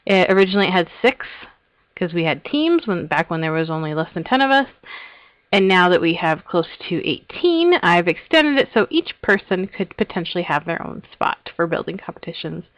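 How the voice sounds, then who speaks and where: In this rambling vlog, a woman hosting a Minecraft server shows viewers around her game world, giggly and talkative, frequently interrupting herself. She speaks at a moderate pace in a lowish voice with big swings in pitch. The recording is dry and of low quality.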